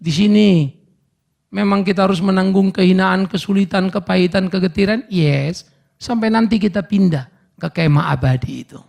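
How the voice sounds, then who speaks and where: Middle-aged male pastor, lively sermon delivery with gravelly high tone. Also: moderate pace. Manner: animated preaching, acts out everyday dialogues. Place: church service.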